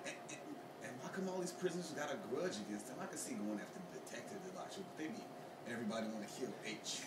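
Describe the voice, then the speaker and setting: A man's voice: mid-range voice, animated, very fast. A man delivers an escalating comedic rant in casual conversation, recorded at a distance in an echoey room with noise behind him. He sounds exasperated and incredulous, swears freely and repeats his points for emphasis. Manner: slangy, profane.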